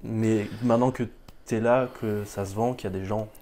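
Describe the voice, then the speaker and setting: A man hosting a casual interview, asking relaxed follow-up questions in a slow, deliberate way. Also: lowish voice, slight background noise. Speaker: interviewer host.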